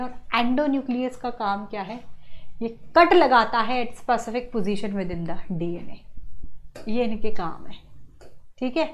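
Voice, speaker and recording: Fairly high-voiced woman teaching. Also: a little mellow. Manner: mixes Hindi and English, repeats key lines slowly; addresses students as beta. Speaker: biology teacher. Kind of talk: exam-prep lecture. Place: classroom studio at a screen.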